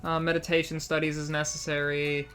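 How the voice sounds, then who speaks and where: A woman's voice: low voice, little pitch movement, a little fast, a bit bright, soft background music. A young woman casually commenting on gameplay, reading item text aloud in a chatty, self-mocking way. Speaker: game streamer.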